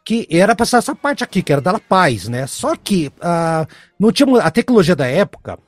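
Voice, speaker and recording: A man chats casually as a podcast host, rambling through a story with lots of fillers. His voice sits fairly high and swings up and down in a very animated way. The recording is dry and close. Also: fairly quick, no echo. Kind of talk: casual chat.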